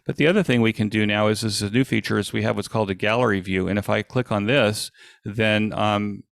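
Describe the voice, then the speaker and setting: This man's voice is on the low side, steady in tone with vocal fry, as he presents an informal live software demo for an event on a video call. He explains in a halting, stop-and-start manner, and the recording is dry and studio quality.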